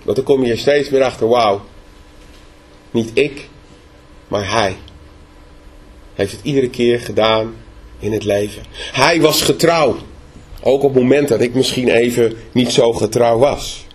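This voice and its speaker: A man's voice: mid-range voice, a little slow, pauses often, slightly rough. A man preaching a sermon in a conversational way, often asking the listeners questions. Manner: conversational, asks rhetorical questions.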